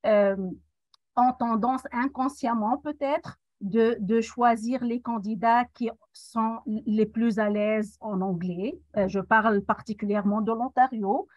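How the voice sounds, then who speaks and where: A woman who works with newcomers, talking on a radio panel discussion in a measured, explanatory way with frequent hesitations. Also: a little high, steady tone, a little mellow, no room sound, muffled recording. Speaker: settlement worker for newcomers.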